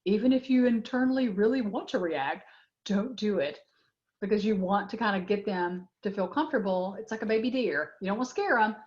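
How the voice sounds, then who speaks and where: A woman's voice: mid-range voice, brisk, darkish tone. A middle-aged woman presenting a workshop, answering audience questions with frank, direct advice and many fillers. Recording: dull lo-fi web audio.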